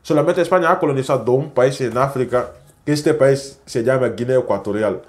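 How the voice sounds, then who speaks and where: Young man, speech; animated casual vlogger. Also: mid-range voice, a little fast. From West Africa. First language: French. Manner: animated, chatty, non-native Spanish with tag questions. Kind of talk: casual storytelling to camera.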